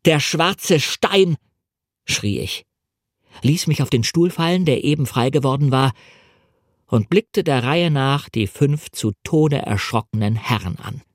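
A man narrating an adventure novel in a measured, dramatic reading. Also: medium pitch, a little mellow, no room sound, studio quality. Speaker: reader. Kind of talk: audiobook narration.

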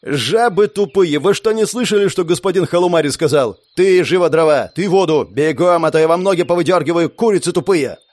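A man's voice: mid-range voice, sing-song, brisk, darkish tone, no echo. A man voicing a fierce scarred woman sergeant who barks insults and orders in an audiobook. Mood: furious yelling.

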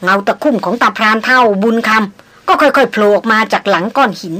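A woman giving scripted, measured narration of an adventure novel as an audiobook reader. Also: a little high, expressive, sharp tone. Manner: measured storytelling.

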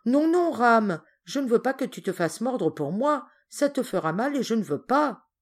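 A woman voicing a gentle, soft-hearted little girl who speaks earnestly and pleads. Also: on the low side, lively intonation, measured pace. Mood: pleading.

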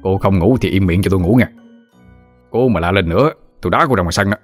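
Man doing a gruff, snapping husband. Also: deep voice, very fast, faint music behind. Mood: irritated. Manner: snapping, scornful. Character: gruff irritable husband, cold and threatening.

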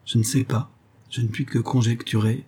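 A man's voice: medium pitch, level tone, moderate pace, mellow, slightly rough. A man reading an audiobook of a gothic tale, voicing a frail old woman nurse who answers weakly and evasively. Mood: weary.

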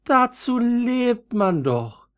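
A man reading a storybook, voicing a young violet flower who sighs with longing in a high, drawn-out voice. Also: big pitch swings, smooth, heavily acted. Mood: yearning. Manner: sighing, wistful, drawn-out.

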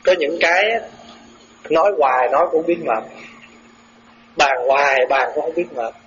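A man giving a Buddhist dharma talk, explaining terms slowly and asking his listeners rhetorical questions. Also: on the high side, a bit bright. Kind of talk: sermon. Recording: echoey, dull lo-fi recording with faint noise.

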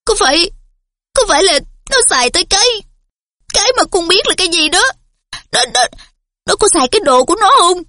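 A woman voicing a shrill, fussing middle-aged mother who dotes on her son, in a storybook reading. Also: lively intonation, normal speed, long pauses, bright, forceful tone, no room sound, clean studio sound, heavily acted. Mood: frantic. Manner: shrieking, trembling.

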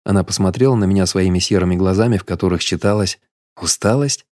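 Low dark-voiced guy reading an audiobook, steady and measured, dry sound. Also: no room sound. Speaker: audiobook narrator. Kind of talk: scripted audiobook narration.

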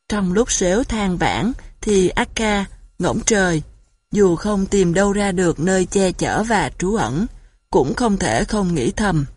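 A woman reading a children's storybook aloud in a calm, even narration. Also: mid-range voice, husky. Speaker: audiobook narrator.

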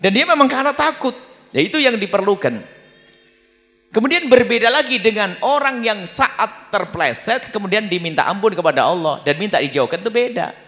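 Animated high-voiced male preacher in a hall. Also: a little fast. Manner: animated, acts out quoted prayers in a low mumbling voice. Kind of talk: Islamic sermon. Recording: long reverb of a large hall.

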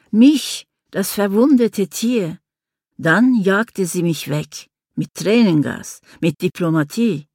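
A woman giving a dramatic poetry recitation in a measured, declamatory way. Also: deep voice, darkish tone, no room sound, studio quality. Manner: measured, declamatory delivery with wide swings.

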